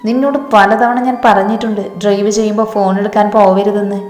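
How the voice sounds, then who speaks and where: A woman's voice: medium pitch, fairly even intonation, fast, a little mellow, reverberant, in a large hall, soft background music, close to an everyday voice. A woman narrator voicing a protective, commanding young man who speaks firmly.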